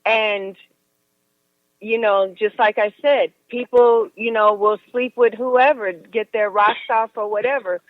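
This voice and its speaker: Give me a calm, explaining woman calling in on a car speakerphone, thin phone-line sound. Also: fairly high pitch, a little slow, no echo. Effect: speakerphone call from a car. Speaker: guest, massage practitioner. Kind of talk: casual interview chat. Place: driving in a car. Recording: tinny dry phone line.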